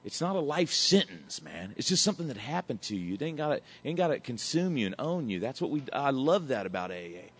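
A man's voice: mid-range voice, big pitch swings, a little fast, hardly any pauses, fairly bright tone, breathy edge. A man, sharing his recovery story in a candid, emotional, rambling way, often saying "man" and swearing casually. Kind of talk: candid personal testimony.

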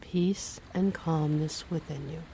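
A woman reading a guided relaxation and hypnosis script in a slow, soothing, measured way. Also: low-pitched, dark tone, a little hiss or hum.

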